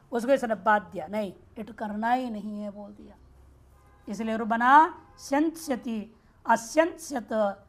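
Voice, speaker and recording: A woman teaching a grammar class, explaining rules step by step and often asking her students rhetorical check questions. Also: fairly high pitch. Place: ashram teaching room.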